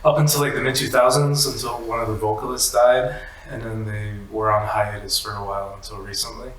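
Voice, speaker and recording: Bright-voiced musician in an echoey room. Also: male voice, medium pitch, far from the mic. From United States, Mexican parents. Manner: relaxed, halting, fills with "like" and "um". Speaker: musician guest. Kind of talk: casual interview chat. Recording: echoey room, off-mic, faint hiss.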